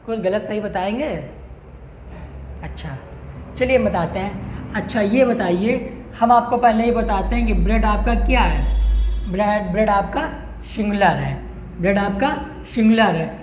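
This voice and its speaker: A man's voice: high-pitched, unhurried, a little mellow, soft background music. A male English teacher giving an online lesson, who asks the class questions and answers them himself to drill each point. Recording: roomy echo, dull lo-fi sound, faint hiss.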